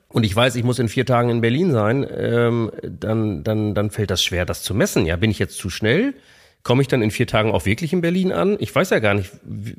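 Reflective male podcast host, hesitant. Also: mid-range voice. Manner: reflective, hesitant with fillers and tag "ne?". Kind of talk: podcast interview.

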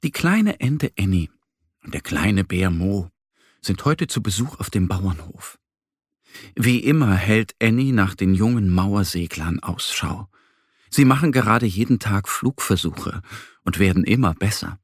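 A man narrating a children's story slowly and with lively intonation, recorded close to the mic. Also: on the low side, breathy edge, no room sound. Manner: slow, animated storytelling.

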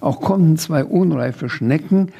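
An older man voicing a cheeky rhyming creature who bosses a class of children through a poem, in a gravelly storybook voice. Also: a little high, lively intonation, a little slow, dull audio, exaggerated voice. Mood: playful. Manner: playful, praising and correcting the children.

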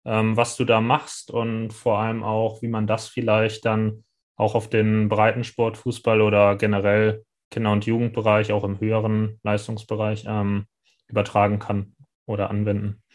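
A man hosting a podcast interview, asking questions in a calm, steady way with frequent fillers. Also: on the low side, moderate pace. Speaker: podcast host.

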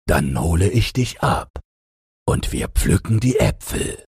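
A man voicing a sly, scheming big bad wolf in a storybook reading, with a deep, gravelly, husky voice and slow, drawn-out, coaxing speech. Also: very animated, a little mellow, no echo, studio quality, full character voice.

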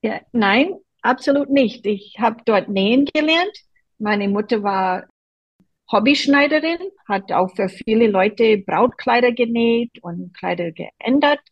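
American-accented woman, relaxed and chatty. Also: a little high, unhurried, breathy edge, no echo, muffled recording. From USA (Boston). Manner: relaxed, chatty, personal anecdotes. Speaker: guest, quilt group member. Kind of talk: casual interview chat.

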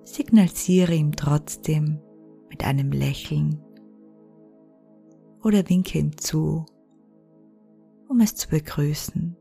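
A woman leading a guided meditation in the manner of a sleep story narrator, soothing and unhurried, with breathy phrase endings. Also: deep voice. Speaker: podcast host and guided meditation leader. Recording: soft music behind the voice. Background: music.

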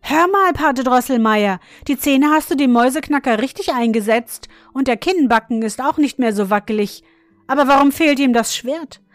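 A woman's voice: fairly high pitch, fairly quick, no echo, close to an everyday voice. A woman voicing a cheeky young boy who teases his godfather, in a storybook reading. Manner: brash, teasing.

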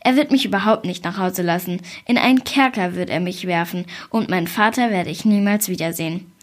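A woman voicing a poor, gentle young weaver's daughter in a storybook reading, with a soft, sighing delivery. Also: on the low side, a little fast, close to an everyday voice. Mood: despairing.

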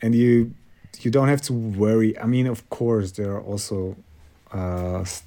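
A man's voice: on the low side, fairly even intonation, unhurried, mellow. A man from Kazakhstan, a director and actor in his thirties, answering interview questions with frequent restarts and fillers. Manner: hesitant, repeats words, many fillers. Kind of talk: casual interview chat.

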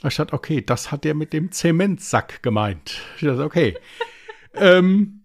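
This young podcast co-host has a fairly high, sing-song voice and keeps a measured pace. He chats casually, spinning rambling anecdotes and laughing at his own jokes.

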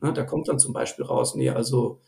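A man's voice: medium pitch, steady tone, a little fast, gravelly, warm tone, reverberant. A man speaking as an investor guest on a podcast, thinking aloud with many fillers and restarts. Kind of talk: podcast interview.

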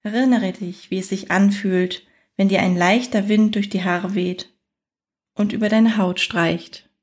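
A woman with a mid-pitched voice leads a guided relaxation. She reads in a soothing, unhurried way. Long pauses separate her phrases, as in a scripted meditation. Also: fairly even intonation. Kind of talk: guided fantasy journey, scripted relaxation narration.

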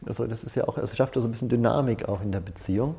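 He races along in a mellow, mid-range voice with noticeable vocal fry. As the leader of an informal seminar, he tells personal anecdotes conversationally and often checks in using brief tag questions.

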